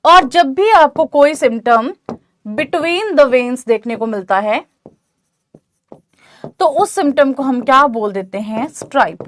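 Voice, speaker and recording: High-voiced woman teaching an online class. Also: expressive, a little slow, pauses often. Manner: reassuring, repeats "theek hai" to check understanding. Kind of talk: online exam-prep lecture.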